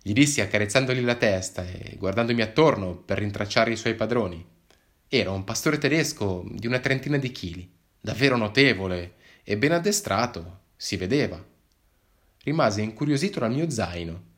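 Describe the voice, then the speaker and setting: Man telling a wry first-person story. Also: lowish voice. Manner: wry, measured, expressive.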